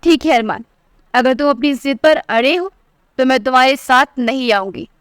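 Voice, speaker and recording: A proud, defiant young wife with a sharp, cutting way of speaking, as a woman storyteller puts her on. The voice sits high and sounds smooth and clear. It is recorded dry and close. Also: normal speed, no echo, natural voice. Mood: resentful. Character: proud angry young married daughter. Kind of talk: storybook narration.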